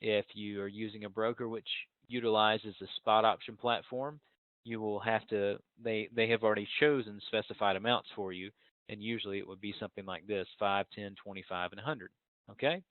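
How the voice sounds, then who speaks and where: A man's voice: lowish voice, fairly even intonation, a little fast, dry recording. A man teaching a recorded class in a conversational way, with many fillers and restarts. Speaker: trading instructor. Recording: dry, phone-like narrow sound.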